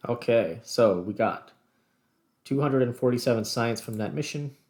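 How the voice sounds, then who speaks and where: This gaming channel host speaks at a normal speed with a medium pitch and a somewhat dark tone. He gives relaxed gameplay commentary, musing aloud while he plays, in a recording free of background noise.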